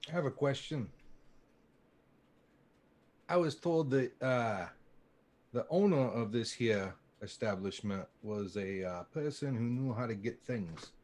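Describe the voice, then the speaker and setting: A man playing a tabletop role-playing game, improvising dialogue in a wry, halting way. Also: medium pitch, expressive, darkish tone. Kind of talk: improvised in-character table talk.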